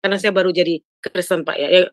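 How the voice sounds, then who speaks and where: Here the caller is an older woman with a fairly low, steady voice who races through a chatty personal story for a pastor. She repeatedly asks him to agree and keeps saying "Pak, ya." The audio is studio quality, free of room sound.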